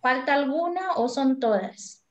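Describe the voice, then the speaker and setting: Woman teacher, online class, slow patient delivery, fairly high voice, pupil roll call. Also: animated. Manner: patient, calls on pupils by name, drills syllables slowly. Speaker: primary school teacher. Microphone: video call microphone.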